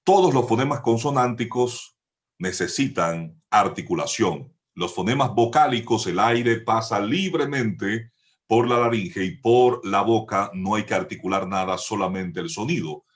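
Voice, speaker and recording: Male voice coach, low pitch, very slow and measured, instructive delivery. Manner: measured, instructive, drawn-out vowel demonstrations. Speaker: voice and speech teacher. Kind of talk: slow, deliberate voice lesson.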